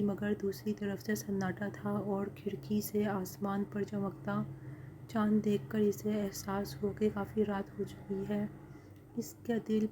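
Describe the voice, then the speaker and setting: A woman narrating a dramatic story in a steady, scripted reading. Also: medium pitch, slight background noise.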